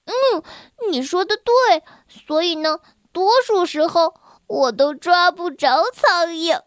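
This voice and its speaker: A woman's voice: very high-pitched, takes it slowly, dry recording, clean studio sound. A woman doing a giggly, teasing little frog boy. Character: playful mischievous young male frog. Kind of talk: storybook reading.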